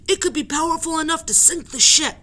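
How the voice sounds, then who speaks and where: A woman's voice: high-pitched, brisk, sharp tone, pitched above the performer's own voice. A woman reading aloud voices a stern, frightened male ship captain who barks orders. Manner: barking orders.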